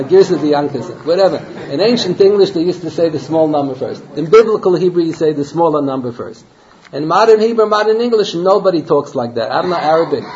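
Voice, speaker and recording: A man's voice: fairly high pitch, darkish tone. A man teaching a Torah class in a conversational way, asking rhetorical questions and mixing Hebrew and Yiddish terms into his English. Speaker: rabbi teaching a Talmud class. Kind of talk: Torah lecture. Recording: dull lo-fi lecture recording.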